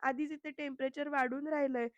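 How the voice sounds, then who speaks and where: A woman's voice: high-pitched, little pitch movement, fairly quick, no echo, muffled recording, natural voice. A woman reading an earnest young man pleading.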